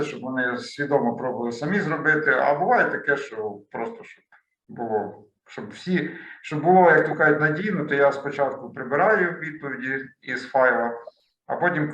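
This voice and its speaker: A language tutor runs a beginners' lesson over a video call, explaining his materials and thinking aloud while clicking through slides. His mid-range voice has a sharp tone, and the low-quality recording sounds roomy.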